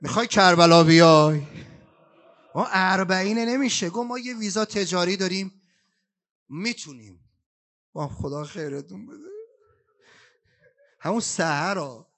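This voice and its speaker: A man giving a mourning sermon at a religious gathering, switching between quick spoken asides and slow, drawn-out chanted lamentation. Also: sits high, a bit bright. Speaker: eulogist reciting a mourning elegy. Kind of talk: Shia mourning sermon with chanted Arabic recitation. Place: shrine gathering hall.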